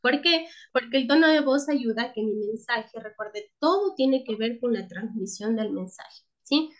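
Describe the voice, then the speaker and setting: A woman's voice: fairly high pitch, animated, normal speed, muffled recording. A woman teaching a class, checking in with her listeners again and again and restarting words as she goes. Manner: checks in with frequent tag questions; restarts words and repeats herself. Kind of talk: class lecture.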